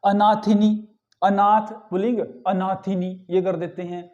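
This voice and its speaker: A man teaching a grammar lesson, repeating each word slowly and asking the students questions before answering them himself. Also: high-pitched, flat delivery, darkish tone, lo-fi sound.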